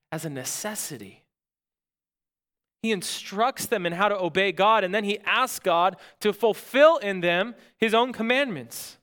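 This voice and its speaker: High-voiced man preaching earnestly. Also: a bit bright. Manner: earnest, emphatic preaching with dramatic pauses; asks the congregation questions and answers them. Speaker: pastor. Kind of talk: sermon.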